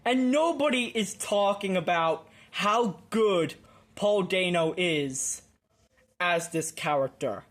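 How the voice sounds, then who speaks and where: A film reaction host giving earnest, halting commentary on a scene. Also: mid-range voice, animated, a bit bright. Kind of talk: casual commentary.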